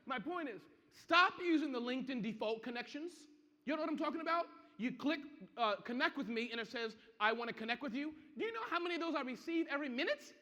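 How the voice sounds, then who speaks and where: High-voiced, energetic male seminar presenter. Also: fast talker. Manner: energetic, keeps checking in with the audience. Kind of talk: interactive business seminar talk. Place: seminar hall with a live audience. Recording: muffled, echoey hall.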